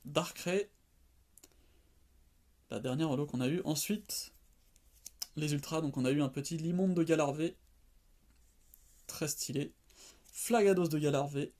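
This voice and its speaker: A man hosting his own channel, chatting casually and excitedly while opening cards, with many fillers and sighs. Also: a little high, a little slow, long pauses. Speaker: card-opening channel host. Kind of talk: casual chat.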